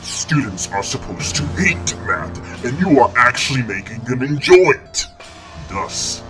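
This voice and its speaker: Man putting on a deep-voiced space villain. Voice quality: disguised deep voice, slow and theatrical. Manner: grandiose, gloating, prone to evil laughs. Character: pompous galactic male villain in a deep put-on voice. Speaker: teacher playing a villain in a skit.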